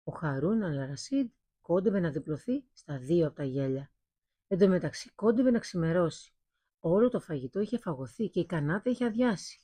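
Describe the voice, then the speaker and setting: A woman reads a fairy tale aloud at a steady, even pace. Her voice is mellow and slightly husky. The recording is close and dry. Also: lowish voice, no echo. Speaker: storyteller.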